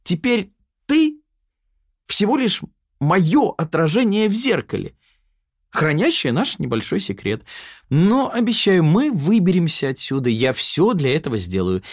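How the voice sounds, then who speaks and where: A man's voice: on the high side, big pitch swings, unhurried, no room sound, studio quality, pitched above the performer's own voice. A man voicing a cocky, scheming young woman who taunts her timid other self. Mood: mocking.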